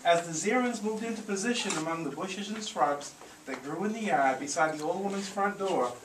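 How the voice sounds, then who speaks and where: A brisk, medium-pitched storyteller runs a live audio theatre show, reading aloud theatrically and encouraging the group with coaching asides. It was recorded on a handheld camcorder from a distance, in a room that is echoey and noisy.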